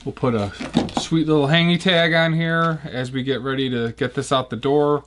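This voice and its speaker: A man with a Chicago accent talks through a build in his workshop, relaxed and matter-of-fact as he works. His voice sits at an ordinary middle pitch. Faint shop noise and small clicks sit under it. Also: moderate pace. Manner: relaxed, matter-of-fact explaining while working. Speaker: guitar builder. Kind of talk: casual workshop how-to. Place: woodworking shop.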